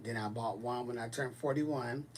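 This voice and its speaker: At a moderate pace and in a mid-range voice, a man in his forties runs a casual livestream, reading viewer comments aloud and answering them in a blunt, sassy way. A little hiss or hum sits under the audio.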